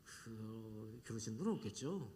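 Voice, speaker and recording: A middle-aged male pastor preaching a sermon in an animated way, acting out quoted voices and sometimes dropping to a soft whisper. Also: fairly low pitch, measured pace.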